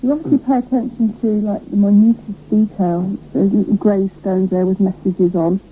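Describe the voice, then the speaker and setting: A woman co-hosting a chatty interview, asking brisk, friendly questions, heard from a worn tape copy. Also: medium pitch, fairly even intonation, phone-quality sound, slight background noise. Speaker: co-host interviewer.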